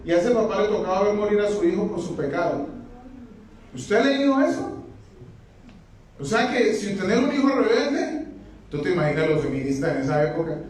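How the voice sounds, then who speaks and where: A man's voice: sits high, lively intonation, a little fast, pauses often, darkish tone. A man preaching a sermon to a congregation, firing rhetorical questions at them and dropping joking asides. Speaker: pastor. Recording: very echoey hall, mic far off.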